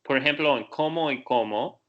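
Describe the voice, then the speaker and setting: A man's voice: mid-range voice, moderate pace, a bit bright, highs cut off. A man learning Spanish on a video call, reading aloud carefully and asking his tutor questions.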